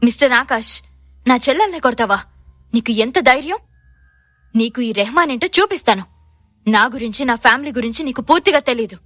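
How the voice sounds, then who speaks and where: A woman doing a hot-headed shouting brother. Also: a little high, lively intonation, a little fast, pauses often, no room sound. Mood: raging. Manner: shouting, threatening. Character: hot-headed man, protective older brother, loud and boastful.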